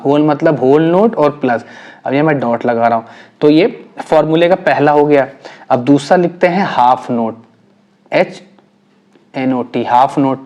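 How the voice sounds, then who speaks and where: A male music teacher explains chord theory at a relaxed pace, going over each step again and checking whether it makes sense. His voice is slightly high for a man and a little mellow. He seems to be writing while he speaks, and his manner is patient.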